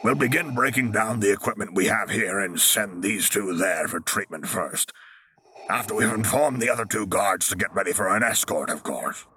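A man voicing a brisk senior medic woman, dry and wry, giving orders calmly. The voice stays low for a woman's part. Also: husky, heavily acted.

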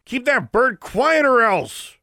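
A man voicing an irritated middle-aged stepfather who yells loudly and impatiently from another room, heard through a wall. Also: very high-pitched, sing-song, slow, dry recording, studio quality, voice pushed up, full character voice. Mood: exasperated. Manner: loud, exasperated yelling. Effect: shouting through a wall from another room. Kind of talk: audiobook character voice.

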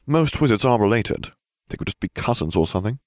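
A man voicing a sarcastic, petulant teenage boy wizard in a storybook reading, in a raised, quick voice. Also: lowish voice, expressive, a little mellow, no room sound, clean studio sound, pitched above the performer's own voice, lightly acted. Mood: indignant. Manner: petulant, self-justifying.

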